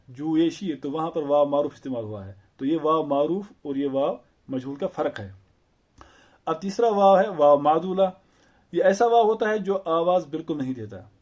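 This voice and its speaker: A man teaching an Urdu grammar lesson, explaining slowly and patiently with repeated examples and rhetorical questions. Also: fairly high pitch, a little mellow.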